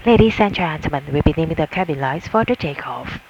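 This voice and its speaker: Higher-voiced man on noisy cabin PA. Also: animated, fast. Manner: formal, polite. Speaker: flight attendant. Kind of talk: formal scripted safety announcement. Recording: muffled aircraft cabin PA, loud engine noise.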